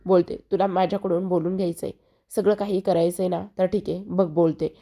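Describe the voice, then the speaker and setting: Woman voicing a cold, hurt older sister, low and gravelly. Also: fairly even intonation, brisk, warm tone. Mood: bitter. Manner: cold, bitter.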